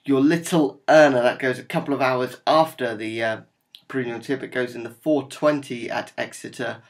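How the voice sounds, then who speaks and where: A man from Norfolk, with the local English accent, presents racing tips for a members' video. His voice sits at an average pitch. He talks informally and conversationally, keeping things upbeat and matter-of-fact as a tipster would. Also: fairly even intonation, normal speed. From Norfolk, England.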